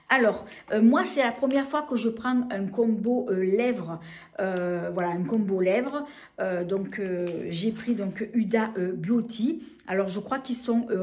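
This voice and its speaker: A woman's voice: medium pitch, a little mellow. A woman talking casually through a beauty haul, hesitant with many filler sounds. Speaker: beauty vlogger. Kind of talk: casual product haul talk.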